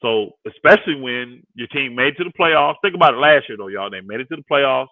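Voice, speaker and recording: A fifty-year-old man, guest co-host and sports commentator on a live panel, talks sports casually and emphatically, often repeating phrases to hammer a point. His medium-pitched voice is lively and fast, with no echo, over thin, phone-like audio.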